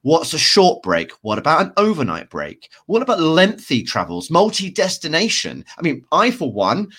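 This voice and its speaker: A man co-hosting a podcast, talking in a lively, animated way. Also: a little high, moderate pace, breathy edge. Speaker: podcast co-host. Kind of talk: casual podcast discussion.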